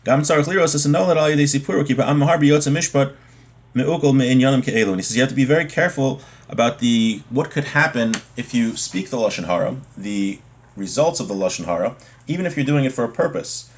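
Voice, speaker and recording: A man gives an informal religious lesson, reading from a text and explaining it point by point, often rephrasing as he goes. His voice is medium-pitched and a little fast.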